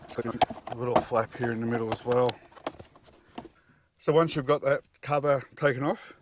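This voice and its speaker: A middle-aged Australian vlogger with a mid-range voice and moderate pace hosts a DIY four-wheel-drive channel, and the audio is very noisy. In a casual, matter-of-fact way, he unboxes and installs a product, beginning in a backyard and finishing inside a car cabin.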